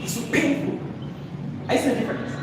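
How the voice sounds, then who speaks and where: In a live workshop, a man coaches public speaking, demonstrating points and quizzing the audience in a brisk voice. Loud music plays behind him, and the noisy recording is echoey, with the mic far away.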